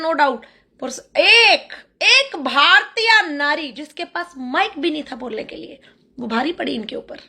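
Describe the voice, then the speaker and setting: A woman's voice: high voice, bright, forceful tone. A woman from Haryana, ranting to camera in a fiery, defiant, emphatic way. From Haryana, India. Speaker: social media creator. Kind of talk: vlog rant to camera. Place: Canada.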